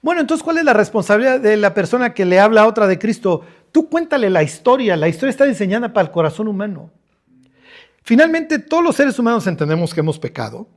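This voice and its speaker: A man's voice: high-pitched, sing-song, fast. Joking Mexican preacher, middle-aged man. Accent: Mexican Spanish. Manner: joking, slangy, acts out scenes, frequent fillers. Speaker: pastor. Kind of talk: lively conversational sermon.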